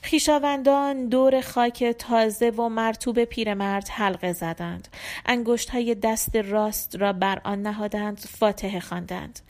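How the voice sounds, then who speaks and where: A woman narrating a literary short story for an audiobook, in a measured and even storytelling way. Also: a little high.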